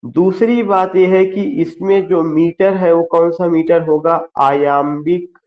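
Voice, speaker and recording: Male teacher, slightly high voice, very slow, spells out terms, online lecture, dull lo-fi mic. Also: fairly even intonation. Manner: slow, deliberate, spells words letter by letter, mixes Hindi and English. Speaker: literature teacher. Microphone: screen-share with whiteboard, computer mic.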